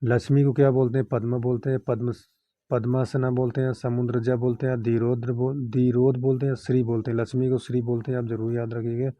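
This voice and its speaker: A man's voice: mid-range voice, level tone, brisk, dry recording, muffled recording. A man teaching an exam-prep lesson, rattling off long lists of synonyms in set phrases and reminding students what to memorise.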